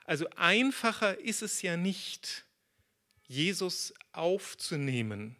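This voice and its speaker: A man preaching a sermon in a conversational, lively way, acting out quotes as he tells the story. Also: high-pitched, slow.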